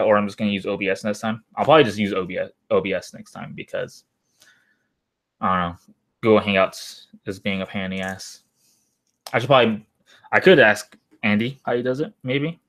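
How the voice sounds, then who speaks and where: A young man with a fairly low voice talks off the cuff as a streamer. He rambles and hesitates, letting his sentences trail away in a loose, casual chat. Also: fairly bright tone. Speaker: live streamer, former Marine.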